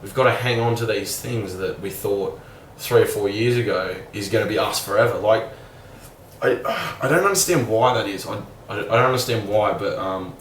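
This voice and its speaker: A man's voice: fairly low pitch, normal speed, a bit bright. Young man, casual rambling vlog, fillers and mild swearing, faint hum behind. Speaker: vlogger. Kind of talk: casual reflective monologue. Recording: roomy sound, a bit far from the mic, faint background hum.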